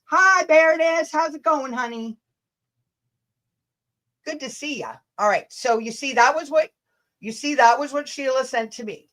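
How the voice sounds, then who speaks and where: This livestream host from Canada has a high, somewhat bright voice, speaking at a measured pace with frequent pauses. Between casual chatter she reads emails dramatically, sarcastic, blunt and profane.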